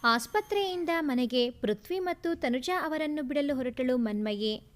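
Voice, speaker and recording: A woman narrating a family story in an expressive, lyrical way. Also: high voice, unhurried.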